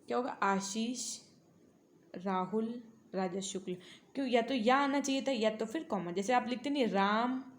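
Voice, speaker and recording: A woman's voice: on the high side, measured pace. A woman teacher working through exam-prep quiz questions, asking each one and then explaining the answer patiently, often dropping English phrases into her explanation.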